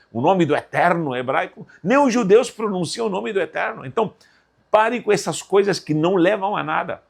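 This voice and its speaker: A man's voice: fairly high pitch, gravelly, breathy edge. A man from Brazil teaching a Bible lesson informally, emphatic and direct, often calling the viewer "dear". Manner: animated, emphatic, addresses viewer as "querido".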